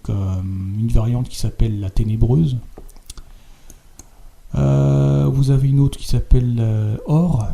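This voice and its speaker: A man with a very dark, gravelly voice talks through images shown on screen. He hesitates a lot and repeats words as he goes. He keeps pressing his point with tag questions at the ends of his phrases. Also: mid-range voice. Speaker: video host. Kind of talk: spoken commentary over on-screen images.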